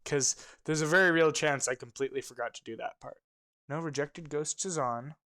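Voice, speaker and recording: A man's voice: a little high, fairly quick, sharp tone, slight background noise. A man casually chatting while playing a game and thinking aloud as he goes. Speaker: co-host of a game playthrough. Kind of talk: casual let's play chat. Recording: music playing underneath.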